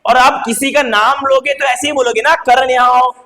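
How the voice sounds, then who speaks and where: A young man teaching a class of children, speaking loudly, calling on students and slowly repeating sounds. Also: very high-pitched, fairly even intonation, big-room sound, poor audio. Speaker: English teacher.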